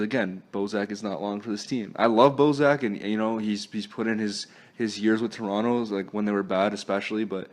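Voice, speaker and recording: Low-voiced male sports podcast host. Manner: chatty, laughs often, filler-heavy. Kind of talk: casual sports chat.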